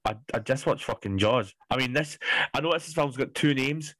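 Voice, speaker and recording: A man in his forties co-hosts a film podcast, ranting bluntly and sarcastically with plenty of swearing in casual chat. His voice is medium-pitched and fairly bright, at a moderate pace, recorded without echo.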